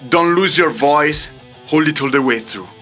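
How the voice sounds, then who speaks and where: A man's voice: a little high, normal speed, bright, forceful tone, faint music behind. A man presenting a scripted tutorial as an upbeat vocal coach, explaining things step by step. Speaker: extreme vocal coach and singer.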